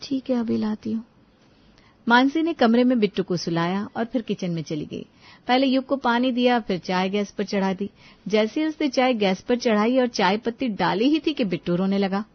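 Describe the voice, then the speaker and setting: A woman's voice: fairly high pitch, normal speed, no room sound, lo-fi sound. A woman narrating a scripted bedtime story with sympathy for its heroine.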